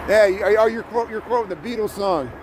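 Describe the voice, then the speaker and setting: High-pitched and quick, the voice belongs to a middle-aged Indiana livestream host with a mixed Chicago-Midwestern accent. He gives a live walking tour of snowy city streets, chatting casually with viewers and often repeating words, while traffic and city noise play behind him.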